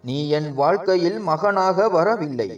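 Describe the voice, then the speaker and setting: A man's voice: sits high, animated, takes it slowly, distant mic, dull audio, faint music behind. A man voicing a dying elderly aunt in a storybook, tender and pleading.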